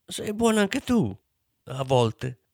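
A man voicing a cheeky, stubborn young girl in a storybook, with a high squeaky pleading voice. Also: big pitch swings, slow pace, dry recording, studio quality. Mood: sweet.

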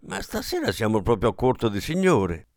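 A man voicing a brisk, lively young woman hosting a dance party. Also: fairly low pitch, no echo, studio quality. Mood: bustling.

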